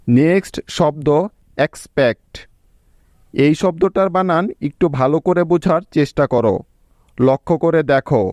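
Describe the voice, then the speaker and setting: Slow, patient male spelling teacher. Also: a little high, darkish tone, no echo, studio quality. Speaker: English teacher. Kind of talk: spelling lesson.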